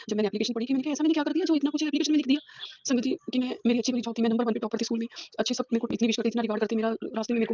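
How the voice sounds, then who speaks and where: Speaking from a room at home, a woman in her 50s from Punjab, India, who teaches school, gives a heartfelt devotional testimony into her phone. She repeats herself a lot and mixes in English. Her mid-range voice is warm, though the recording loses its high frequencies.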